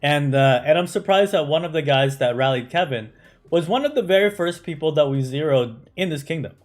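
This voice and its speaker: A man's voice: a little high, expressive, fairly quick. A man who grew up in the United States, chatting casually on a game live stream, answering chat with lots of fillers and "right?" tags.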